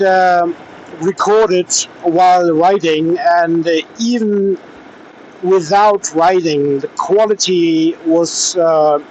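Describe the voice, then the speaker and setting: A man testing motorcycle gear vlogs while riding outdoors through traffic, recorded on a helmet intercom microphone of low quality with faint vehicle noise in the background. His slightly high, somewhat mellow voice moves at a slow, halting pace with pauses.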